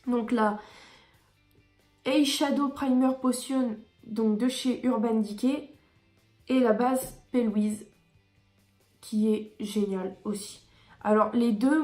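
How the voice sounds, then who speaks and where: A woman's voice: a little high, dark tone, reverberant. A woman beauty vlogger reviewing her favourite products in a chatty, enthusiastic way with frequent hesitations.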